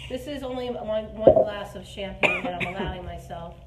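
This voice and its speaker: A woman in her forties hosts a dating advice show, chatting casually and emphatically in a live format. Her mid-range voice has lively intonation and normal speed, in an echoey room with clear background noise.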